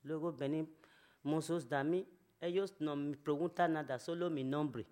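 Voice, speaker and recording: A woman who is not a native Spanish speaker, speaking halting learner's Spanish with many fillers and an emotional, pleading tone as she gives a personal testimony. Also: low voice, steady tone, dark tone.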